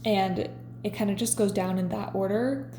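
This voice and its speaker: Twenty-something girl vlogging, mellow and chatty, kinda echoey room. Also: medium pitch, moderate pace, slight background noise. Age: 20s. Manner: relaxed, chatty and confessional, reading her diary entries aloud. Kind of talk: casual chat.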